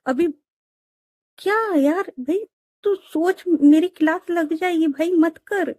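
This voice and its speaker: A woman's voice: very high-pitched, slow, mellow, no echo, studio quality, pitched above the performer's own voice. A woman voicing a young woman, a playful younger sister who whines and teases in an audio story. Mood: whiny. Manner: whiny, teasing.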